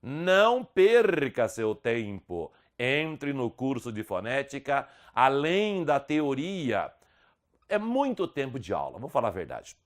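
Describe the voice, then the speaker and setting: A Brazilian man teaching an online lesson, slowly spelling out speech sounds with careful, exaggerated articulation. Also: medium pitch, very animated. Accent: Brazilian Portuguese. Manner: slow, over-articulated demonstration of sounds. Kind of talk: video lesson promoting a course.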